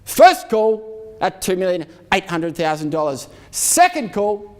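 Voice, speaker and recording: A man with a high-pitched voice calls a live auction as the auctioneer. He repeats figures in short rhythmic phrases and addresses the bidders formally and courteously. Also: very animated, unhurried. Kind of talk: live property auction calling.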